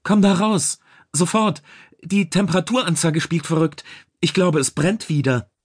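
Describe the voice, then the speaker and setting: A man doing an eager young technician, pitched up. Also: big pitch swings, breathy edge, dry recording, studio quality. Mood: alarmed. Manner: eager, quick to obey.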